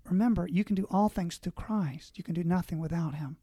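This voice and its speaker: Earnest priest giving advice. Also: male voice, high-pitched, a little fast, warm tone, no room sound, clean studio sound. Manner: earnest, exhortative, lists points. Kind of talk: conversational advice on a panel.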